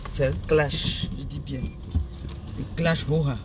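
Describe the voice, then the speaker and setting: A man's voice: fairly high pitch, steady tone, slow, noisy background. A man with a stuffy nose from a cold, ranting angrily on a live stream. He repeats himself and stumbles over his words. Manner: indignant, repeats himself, stammers restarts. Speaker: livestream host. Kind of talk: angry live-stream rant.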